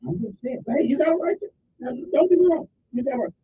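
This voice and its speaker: The recording is muffled with a little hiss or hum as a radio host talks fast in an extremely high, expressive voice. Folksy and rambling, he lists the day's observances with plenty of asides, repeatedly saying "okay" and "I'm just saying."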